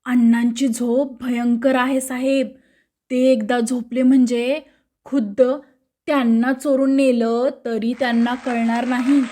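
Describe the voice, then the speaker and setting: A woman's voice: on the high side, little pitch movement, measured pace, dark tone, lightly acted. A woman reading the part of a chatty male neighbor who teases the others. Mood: teasing. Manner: teasing.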